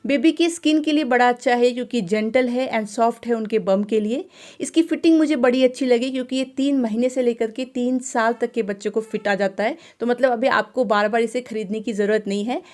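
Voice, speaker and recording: Chatty high-voiced woman vlogging at home. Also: darkish tone. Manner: chatty and quick, mimics others' speech. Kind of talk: casual vlog chat. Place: indoor home. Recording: echoey room, faint background noise.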